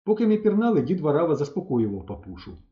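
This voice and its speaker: Lively male audiobook narrator. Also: a little high, fast, echoey room, muffled recording. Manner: lively storytelling. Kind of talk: children's audiobook reading.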